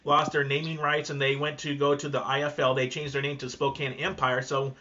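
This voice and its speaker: A man's voice: medium pitch, level tone, brisk, sharp tone. A man hosting a podcast, chatting casually and rambling, with many fillers and restarts. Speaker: podcast host. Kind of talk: casual conversation. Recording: dull lo-fi sound.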